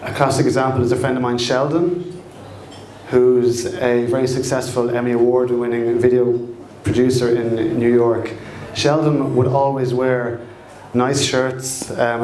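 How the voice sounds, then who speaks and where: A middle-aged man from Dublin with an Irish accent tells a personal story live in a fireside storytelling style, halting and reflective as he searches for his words. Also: medium pitch, darkish tone, slight background noise. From Dublin, Ireland. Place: indoor live storytelling event, echoey room. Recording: echoey room.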